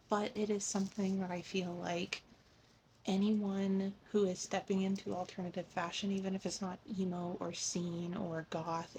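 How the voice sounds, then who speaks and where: A woman's voice: mid-range voice, slight background noise. A young woman vlogging at home early in the morning, talking bluntly and casually, swearing now and then and sometimes dropping to a whisper. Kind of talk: casual vlog talk. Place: indoors at home early morning, birds and wind chimes outside.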